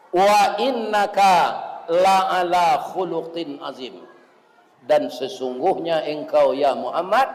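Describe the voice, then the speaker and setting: Minang-accented guy preaching in a mosque, slow and a bit high, long echo all around. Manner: folksy, addresses listeners as "Pak", chants verses and recites rhymes. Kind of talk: village mosque sermon.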